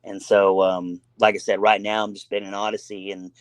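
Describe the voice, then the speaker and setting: Low-voiced man rambling about gaming. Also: little pitch movement, normal speed, no echo. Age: adult with a son. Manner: rambling, many fillers and restarts, emphatic persuading. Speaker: gaming show host. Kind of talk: casual gaming talk show.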